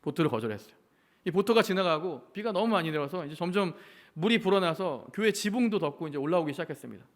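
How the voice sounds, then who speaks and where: Male pastor, lively storytelling sermon, higher pitch and swinging intonation, asks the congregation questions. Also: fast. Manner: storytelling with acted quotes and rhetorical questions. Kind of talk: sermon at a midweek prayer service. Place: church.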